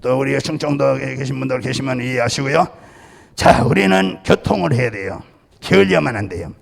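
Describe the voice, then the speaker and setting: A man's voice: mid-range voice, brisk, vocal fry. A male senior pastor from the Chungcheong region preaching a Sunday sermon, emphatic and repetitive, with touches of humor for the congregation. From Chungcheong, Korea. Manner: emphatic preaching with repeated calls to believe; jokes with the congregation. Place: church sanctuary. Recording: long church-hall reverb.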